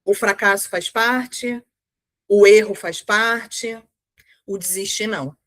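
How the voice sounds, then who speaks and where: A woman with a Brazilian Portuguese accent coaches mindset for women entrepreneurs, speaking slowly in a mid-range, fairly bright voice with no echo. She's emphatic and earnest, repeating short phrases to drive her points home.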